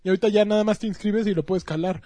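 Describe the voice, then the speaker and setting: A man's voice: sits high, fairly even intonation, very fast, mellow, dry recording. A man with a Mexican accent co-hosting a podcast in casual, joking chat. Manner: joking, teasing banter. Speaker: podcast co-host.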